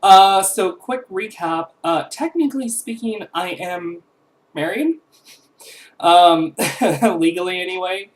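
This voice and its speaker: A woman's voice: lowish voice, slow pace, low-quality recording. A woman in her twenties chatting casually to camera as a vlogger, rambling with fillers and self-corrections. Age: 20s.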